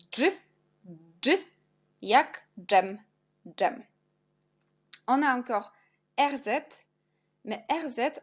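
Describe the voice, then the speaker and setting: A woman teaching Polish pronunciation in French, sounding out each letter and example word and repeating it. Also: mid-range voice. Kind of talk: spelled-out pronunciation lesson.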